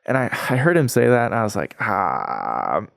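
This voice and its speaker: A man's voice: medium pitch, expressive, very fast, no echo, studio quality. Earnest young man sharing a testimony. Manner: earnest, heartfelt, conversational with frequent "like". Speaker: podcast guest. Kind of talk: personal faith testimony storytelling.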